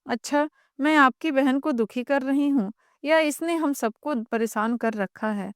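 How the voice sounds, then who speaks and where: A woman's voice: high voice, unhurried, no room sound, clean studio sound. A woman voicing an overworked young wife who speaks out in an indignant, raised voice.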